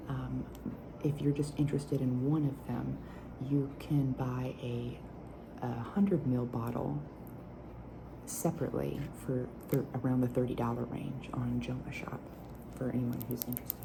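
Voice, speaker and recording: A woman speaking in a soft, hushed, near-whispered ASMR voice as she gives a product review. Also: a bass voice, vocal fry, background noise. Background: nail tapping.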